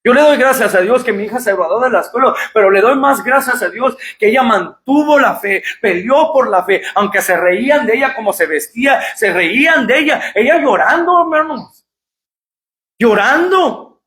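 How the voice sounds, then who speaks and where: A man, a pastor, giving an impassioned sermon, repeating phrases and shouting at the high points. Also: animated, normal speed. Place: church. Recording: echoey church hall.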